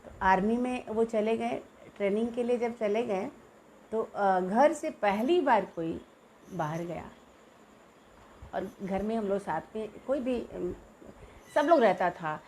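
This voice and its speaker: A middle-aged woman from Bihar, telling childhood memories in a lively, animated way. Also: mid-range voice, slow pace, pauses often, a little hiss or hum. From Bihar, India. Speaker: storyteller. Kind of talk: personal childhood storytelling.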